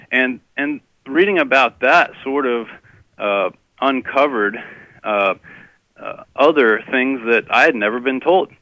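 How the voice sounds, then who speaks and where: A man's voice: mid-range voice, pushed and bright, no echo. A man from Texas, a guest on a radio interview, who talks in a hesitant way, full of ums and uhs. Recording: dull lo-fi radio audio.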